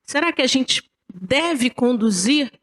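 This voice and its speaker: A woman from Brazil giving a spiritist religious lecture in a lecture hall, animated and chatty as she tells stories. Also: sits high, takes it slowly.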